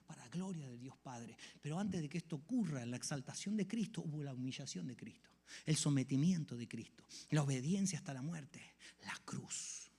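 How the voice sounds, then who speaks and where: A man preaching a sermon, swinging from hushed whispers to loud exclamations. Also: a little high, expressive, fairly quick, slightly rough. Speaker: pastor.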